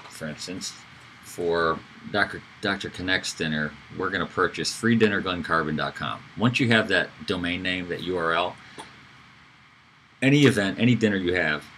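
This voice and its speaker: A man giving a casual screen-recorded software tutorial, talking loosely with fillers and self-corrections. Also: deep voice, slight background noise, rough recording. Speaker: instructor.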